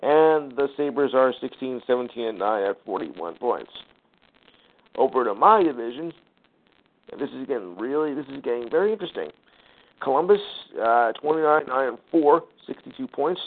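A man's voice: medium pitch, lively intonation. A man hosting a sports talk show, reading out scores and standings with casual asides and lots of fillers. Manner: rattles off numbers with fillers, sighs and quick asides. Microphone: phone call line. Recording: tinny phone-line audio.

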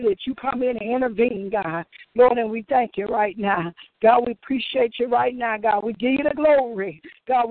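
A man's voice: high-pitched, no room sound. A man leading a fervent spoken prayer, saying "Lord God" between each phrase. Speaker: prayer leader. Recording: tinny phone line, dry.

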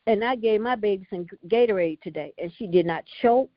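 A woman's voice: mid-range voice, fairly quick, no echo, highs cut off. An older woman calling in to a prayer line, praying fervently and giving a praise testimony, calling out to the Lord after nearly every phrase in a casual, colloquial way.

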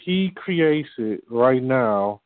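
A man leading a church group's conference call over the phone, talking haltingly with many fillers and restarts. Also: mid-range voice, expressive, no room sound. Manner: hesitant, full of fillers and restarts. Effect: heard over a phone line. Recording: tinny dry phone line.

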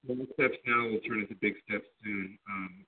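A man's voice: on the low side, fairly even intonation, normal speed, no echo. A man calling in to a casual group phone call, his voice muffled and hollow as if he were speaking from inside a well, talking hesitantly with fillers. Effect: muffled hollow sound as if inside a well. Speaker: caller on a conference call. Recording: tinny phone line.

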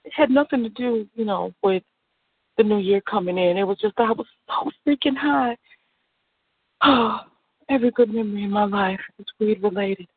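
A woman who is high on weed, talking in a languid, drifting stoner manner in a relaxed personal monologue. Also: normal speed, husky, no room sound. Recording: thin, narrow phone line.

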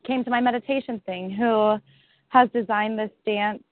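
A woman's voice: on the high side, fairly even intonation, normal speed, no echo. A woman chatting casually on a group call, thoughtful and hesitant, restarting her sentences. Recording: tinny phone-like call audio.

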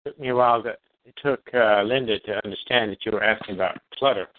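A man's voice: lowish voice, fast talker, dry recording. A man chatting on a group call in a wry, sarcastic manner. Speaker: call participant. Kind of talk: casual group call chat. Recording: tinny phone line.

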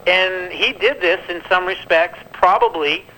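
A man's voice comes over a landline phone as he calls into a radio show, sounding bright and a little high. He rambles through his commentary, thinking aloud and filling gaps with "uh" and "you know.". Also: measured pace, a little hiss or hum, low-quality recording. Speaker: radio show guest calling in.

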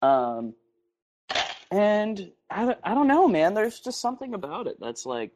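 A New Hampshire man co-hosts a podcast full of casual banter, rambling, swearing, and laughing at his own puns. His high-sitting voice is sing-song and a little slow, set against a noisy background.

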